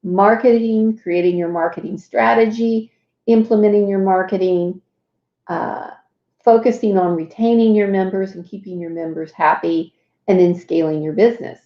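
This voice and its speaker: A woman's voice: medium pitch, steady tone, normal speed, reverberant, muffled recording. A woman hosting a casual livestream walkthrough, chatting with many fillers and asides. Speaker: host.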